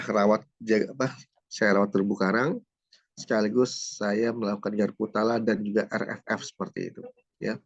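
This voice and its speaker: A middle-aged man from Jakarta tells his personal story as a guest, in a low, gravelly voice with a lot of vocal fry. He acts out the dialogue as he goes. The recording is dry and a little muffled. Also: dry recording. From Jakarta, Indonesia. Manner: storytelling, acts out dialogue, many "gitu kan" tags. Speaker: guest, certified trainer. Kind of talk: personal testimony in an interview.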